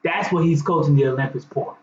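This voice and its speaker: An American man with a voice a touch higher than average debates sports in loose, slangy talk. He is an opinionated podcast co-host. The sound is slightly dull and roomy. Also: quick pace. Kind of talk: casual barbershop-style sports debate. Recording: echoey, slightly dull, noisy.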